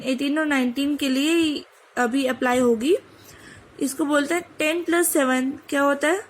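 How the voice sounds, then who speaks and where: A woman's voice: high voice, a little hiss or hum, rough recording. A woman teaching French number pronunciation, mixing Hindi with English and sounding out each word. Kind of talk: online language lesson.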